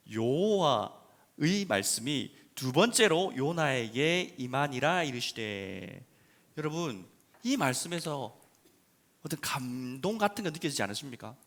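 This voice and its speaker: Animated, bright-voiced man preaching. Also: mid-range voice. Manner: animated preaching, swinging from soft to loud emphasis. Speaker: pastor. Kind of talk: sermon.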